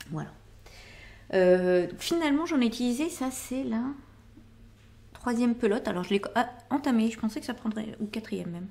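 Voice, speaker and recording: A woman's voice: mid-range voice, mellow. A middle-aged woman hosting a knitting and sewing podcast, chatting her way through her finished projects and often wrapping up with "voilà". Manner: chatty, rambling explanations with frequent "voilà". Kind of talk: casual show-and-tell of finished projects.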